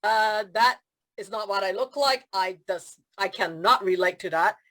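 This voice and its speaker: In an unhurried, medium-pitched voice, a Hong Kong woman chats as a video-call guest about her work in feng shui consulting. The interview is casual, and she animates her anecdotes with quoted voices and lots of laughter.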